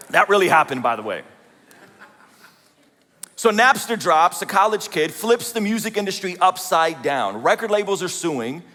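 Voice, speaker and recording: A man's voice: fairly high pitch, a bit bright. A man in his forties from Azerbaijan gives a light, self-deprecating personal testimony to a live audience. He talks conversationally and asks the crowd questions. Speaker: speaker at a church event. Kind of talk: humorous personal testimony talk. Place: large hall with a live audience. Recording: reverberant hall.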